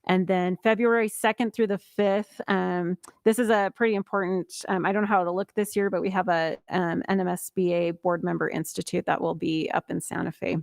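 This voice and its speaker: A woman's voice: on the low side, steady tone, brisk, gravelly, few pauses, no echo, studio quality. A woman chairing a school board meeting, reading out announcements in an informal way.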